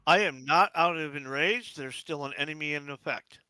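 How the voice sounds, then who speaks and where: A man's voice: a little high, moderate pace, pushed and bright, clean tone. A man speaking casually as a player in a tabletop roleplaying game.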